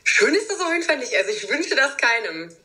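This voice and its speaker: A woman's voice: high-pitched, sing-song, fairly quick, bright, forceful tone, low-quality recording. A woman in her twenties, a guest in a casual interview, talking openly and reflectively over a video call from a room at home. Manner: open, reflective, with many fillers. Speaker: guest, reality TV contestant.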